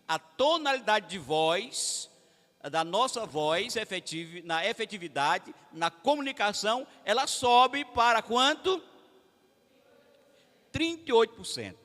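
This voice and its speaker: A man's voice: high voice, lively intonation, unhurried, sharp tone. A man with a Brazilian Portuguese accent, preaching to a family service and talking straight to the congregation. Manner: conversational, addresses the congregation directly. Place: large church hall. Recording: echoey church hall.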